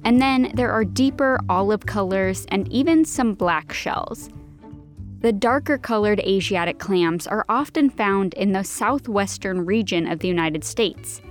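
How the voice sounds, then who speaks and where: A woman reads scripted narration for a podcast, clear and informative. Her voice sits at a middle pitch, with a faint music bed behind it. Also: unhurried. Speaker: podcast producer.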